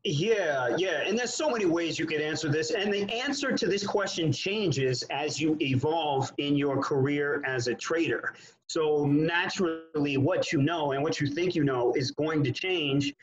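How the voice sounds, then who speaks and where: A man's voice: on the high side, a little slow, lo-fi sound. A man speaking as a guest in a casual chat from his home kitchen, laid-back and profane, often saying "man".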